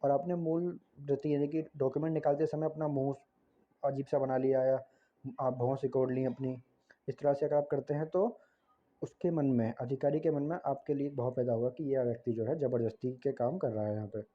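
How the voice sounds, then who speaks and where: A man's voice: mid-range voice, fairly even intonation, fairly quick, lo-fi sound. A man teaching a lesson in a casual, explanatory way, often asking "right?" and correcting himself as he goes. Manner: conversational, frequent tag questions and self-corrections. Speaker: tutor.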